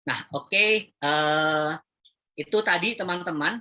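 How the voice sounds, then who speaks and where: A man presenting a webinar in a casual, chatty way, often pausing with hesitant fillers as he addresses the viewers. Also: fairly high pitch, pushed and bright. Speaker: webinar speaker.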